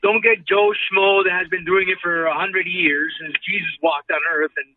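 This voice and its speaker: Over a thin, phone-like line, a high-voiced man talks as a guest on a sports show. He explains his opinions earnestly and conversationally, sounding away from the mic. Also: fairly even intonation, normal speed, background noise. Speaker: guest, ring announcer. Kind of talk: casual sports talk interview. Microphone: remote call. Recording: tinny, distant phone-like line.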